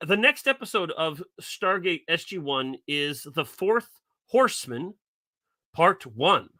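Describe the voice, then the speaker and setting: Halting, bright male podcast host. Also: fairly high pitch, big pitch swings. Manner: halting, filler-heavy speech. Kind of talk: casual chat.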